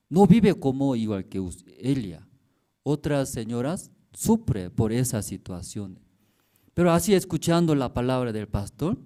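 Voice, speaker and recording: A man preaching as a pastor in simple, halting Spanish, telling stories and checking in with the congregation. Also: mid-range voice. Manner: tells stories, acting out dialogue with sudden loud outbursts. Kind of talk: sermon.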